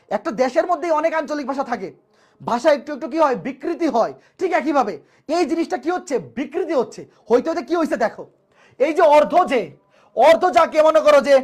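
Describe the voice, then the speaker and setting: A teacher gives a live online maths lecture, repeating each point and asking the class rhetorical questions. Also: high voice. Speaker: math teacher.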